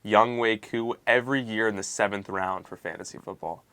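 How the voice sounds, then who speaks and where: A man's voice: fairly low pitch, steady tone, a little fast, vocal fry, sharp tone, clear, resonant tone. A young adult man, a college athlete, telling a wry anecdote about a teammate. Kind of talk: casual interview comment.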